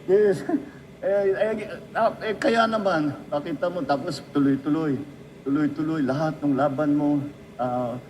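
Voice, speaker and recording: A man's voice: a little high, a little slow, a little mellow, slight background noise, poor audio. A Filipino man giving an anecdotal tribute speech, telling stories and speaking straight to the person being honored. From Philippines. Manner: storytelling, addresses the listener directly.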